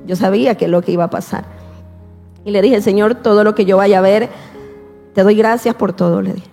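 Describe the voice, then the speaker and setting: A woman with a gravelly, mellow voice recounts her testimony at a slow, emotional pace, often circling back to repeat a phrase. Her voice carries a long reverb, as if in a large hall, with soft music behind it. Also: mid-range voice, steady tone. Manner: slow, repeating herself, quoting prayers. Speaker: guest telling her testimony.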